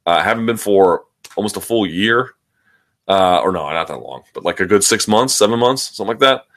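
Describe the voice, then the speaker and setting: A man with a low-pitched voice talks like the host of a combat sports show. His commentary is casual and opinionated, and he tends to repeat words and restart phrases as he makes his point. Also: lively intonation, brisk, a bit bright.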